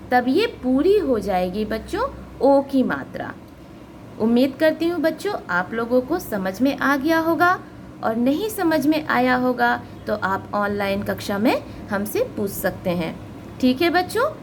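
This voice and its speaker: Woman teacher, high voice, slow careful pace, drawn-out syllables, patient, faint hiss. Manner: patient, explains step by step. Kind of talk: children's Hindi phonics lesson.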